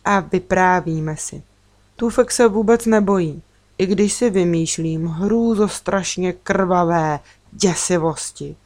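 Woman calmly reading a children's story. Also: on the low side. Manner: calm, measured storytelling. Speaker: narrator. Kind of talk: children's book read aloud.

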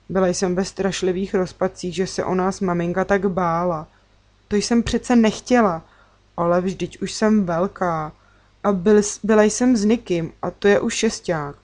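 Woman narrator for a children's audiobook, expressive first-person read. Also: medium pitch.

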